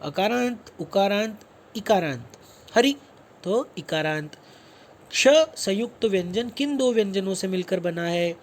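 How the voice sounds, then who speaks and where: Male teacher, higher register, slow and methodical; spells out sounds, answers own questions. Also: expressive, slight background noise. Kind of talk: classroom lesson explanation.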